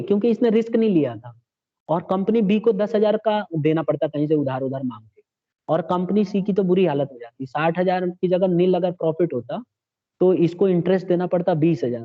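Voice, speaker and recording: A man's voice: sits high, brisk. A man teaching a classroom lecture, explaining step by step and checking in with his students. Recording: dull lo-fi classroom recording.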